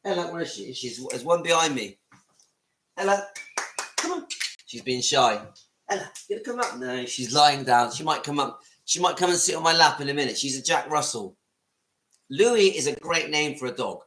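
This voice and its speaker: Bright-voiced West Country man, fifties. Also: fairly high pitch, animated, normal speed, echoey room, rough recording. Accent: West Country English. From Southwest England. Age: 50s. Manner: chatty, rambling, greets commenters by name. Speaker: livestream vlogger. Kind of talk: casual live chat to viewers. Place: room at home.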